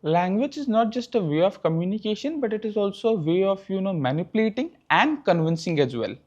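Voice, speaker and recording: A young Indian man in his twenties, a native Marathi speaker, answers interview questions as a guest professor in Indian English, explaining his points and often adding "okay" after them. His voice sits high with lively intonation and a fairly quick pace, slightly mellow, captured in lo-fi sound.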